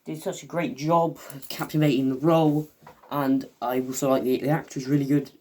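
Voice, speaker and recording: A man's voice: mid-range voice, little pitch movement, brisk, a little mellow. Rambling, hesitant man reviewing. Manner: rambling and hesitant, many fillers and restarts; eager fan, chatty asides to viewers. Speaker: video reviewer. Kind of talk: casual video review monologue.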